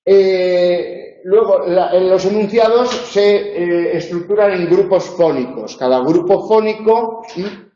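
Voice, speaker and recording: A man's voice: high-pitched, slow, warm tone. Man, Spanish accent, university tutor, explanatory, tag questions, echoey classroom, muffled recording. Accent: Spain. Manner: explanatory, self-correcting, frequent tag questions. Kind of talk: lecturing in a tutorial. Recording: roomy, slightly dull classroom recording.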